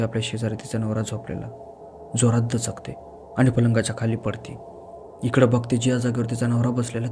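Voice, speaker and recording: A man's voice: medium pitch, a little mellow, slight background noise. Conversational male horror storyteller. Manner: conversational, addresses the listener directly.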